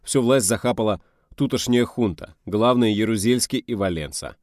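A man's voice: fairly low pitch, moderate pace, a little mellow, dry recording, clean studio sound, voice pushed up, natural voice. A man reading the part of a curt, wry middle-aged army major giving orders in an audiobook. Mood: briefing.

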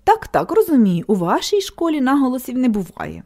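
A woman voicing a soft-hearted, earnest schoolgirl in a story. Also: sits high, big pitch swings, a little fast, voice pushed up, full character voice. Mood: teasing. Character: soft-hearted schoolgirl who loves kittens.

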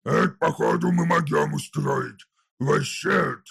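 A hulking, foul-mouthed orc warlord growls his words in a deeply gravelly, throaty rasp. The voice sits a little above the storyteller's own register, with coarse, slangy delivery full of brutish mockery, like an audiobook villain. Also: measured pace, a bit bright, heavily acted. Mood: scheming. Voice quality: gravelly, rough. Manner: crude slangy speech. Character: huge brutish male orc warlord, crude and mocking. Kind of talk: audiobook character voice.

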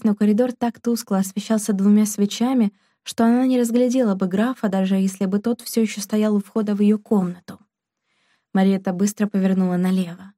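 Female audiobook narrator, calm even reading, mellow dry sound. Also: mid-range voice, dry recording. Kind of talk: scripted narration.

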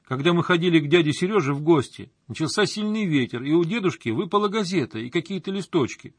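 A man's voice: on the high side, animated, fast, breathy edge, dry recording, pitched above the performer's own voice. A man doing a timid little girl. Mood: plaintive. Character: eight-year-old girl, timid, eager to read.

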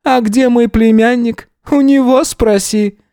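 A woman's voice: a little high, fairly even intonation, a little slow, warm tone, dry recording, studio quality, voice pushed up. A man reading an audiobook voices a wily old woman who shrieks, whines and pleads. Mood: mocking. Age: older. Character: shrill, wily old woman, hoarder, wheedling and loud.

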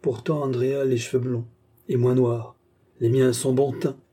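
A man's voice: medium pitch, level tone, moderate pace, warm tone, husky, close to an everyday voice. A man voicing a phlegmatic English baronet, speaking in a polished, formal and courteous way. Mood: suave.

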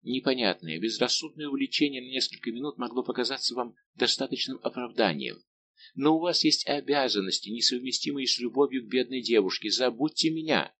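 A man voicing a fragile, heartbroken young woman who pleads softly, in an audiobook. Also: mid-range voice, expressive, fairly quick. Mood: pleading.

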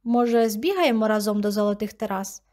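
A woman's voice: medium pitch, a little fast, a little mellow, natural voice. A woman reading an audiobook, voicing a friendly teenage boy in a light, casual way.

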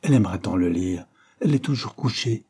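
A lively, blunt little girl in a storybook, her voice lifted above a low, husky base as a man reads her part. She talks quickly and candidly, with a dark, slightly breathy tone. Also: heavily acted. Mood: chatty. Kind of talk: audiobook character voice.

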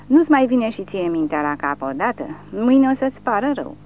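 A calm, dignified young mother answers with cool reproach, voiced by a woman reading an audiobook, her voice lifted higher. The audio is dull and lo-fi. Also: a little hiss or hum.

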